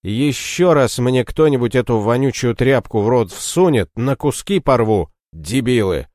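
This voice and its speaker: A man's voice: medium pitch, animated, unhurried, darkish tone, no echo, studio quality, pitched above the performer's own voice, natural voice. A man doing a scornful captive healer. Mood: gruff. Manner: taunting, scornful. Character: sly mocking captive male healer.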